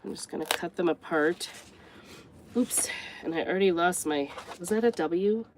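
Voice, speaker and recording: Talking through a craft tutorial, this older craft vlogger from the United States rambles chattily and thinks aloud as she works. Her stuffy, congested voice is fairly low and moves at a moderate pace, with a little hiss or hum in the recording.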